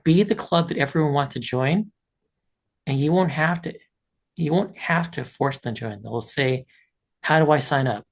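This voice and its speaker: A man's voice: fairly high pitch, normal speed, vocal fry, breathy edge. A man who is losing his voice, giving an encouraging online training presentation as a leadership trainer over a video call. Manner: encouraging, practical advice with asides.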